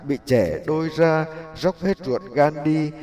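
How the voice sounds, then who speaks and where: Slow, expressive male storyteller. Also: fairly high pitch. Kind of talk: spoken storytelling. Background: faint background music.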